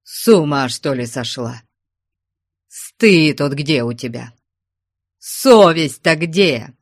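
A woman voicing a flustered, anxious man who pleads in a hushed voice. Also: sits low, expressive, takes it slowly, no room sound, clean studio sound, exaggerated voice. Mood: pleading.

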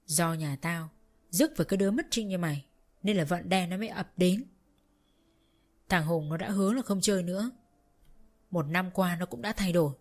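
A woman voicing a doting but spiteful older mother-in-law who scolds in a shrill voice. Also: moderate pace, pauses often, darkish tone, close to an everyday voice. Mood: shrill scolding.

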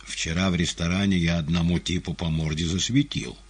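A man plays a brash young male poet in an audiobook, gruff and abrupt. The husky voice rises above the reader's own and comes out loud and blunt. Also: low voice, fairly even intonation, brisk.

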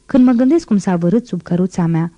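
A woman's voice: medium pitch, lively intonation, mellow, no room sound, lo-fi sound, lightly acted. A woman voicing a frantic, grief-stricken old man who laments aloud to himself in an audiobook reading. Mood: despairing.

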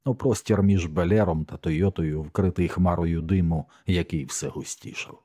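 A man narrating an audiobook in a measured, somber storytelling manner on a close mic. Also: deep voice, dark tone, no room sound.

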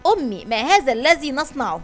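A woman reading as a quiet twelve-year-old girl. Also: high voice, sing-song, quick pace, soft background music. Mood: gentle.

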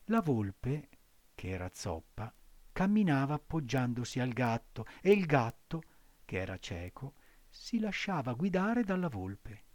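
A man narrating a classic storybook aloud, slow and expressive. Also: medium pitch, no echo. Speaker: audiobook reader.

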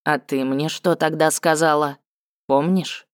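A woman's voice: fairly even intonation, a little slow, clear, resonant tone, no echo, clean studio sound. A woman reading an audiobook voices a bitter, vengeful male cat-folk lord who speaks coldly with hatred. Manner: cold, low and hissing with hatred.

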